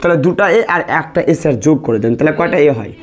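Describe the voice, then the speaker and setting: A man's voice: a little high, animated, brisk, crowd noise. A male math teacher leading a classroom lesson, asking questions and repeating the answers step by step. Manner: repetitive call-and-response questioning.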